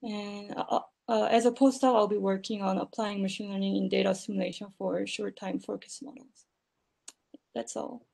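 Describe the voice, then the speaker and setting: A woman from South Korea introducing herself on a video call, sounding a bit tired and trailing off softly at the ends of phrases. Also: mid-range voice, fairly even intonation, normal speed, vocal fry. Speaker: early-career researcher. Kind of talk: online panel self-introduction.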